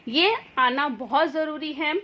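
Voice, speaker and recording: A woman with a high voice teaches beginners the sounds of English letters. She talks slowly and patiently and says each sound more than once. She keeps checking that her listeners follow. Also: bright, forceful tone. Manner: checks in with "theek hai" often. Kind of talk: slow spoken English phonics lesson.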